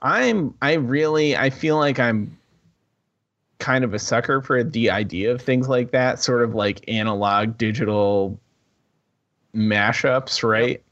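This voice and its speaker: A man's voice: medium pitch, slow pace, fairly bright tone. A man co-hosting a podcast in casual chat, on a slightly muffled, lo-fi voice track. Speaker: podcast co-host.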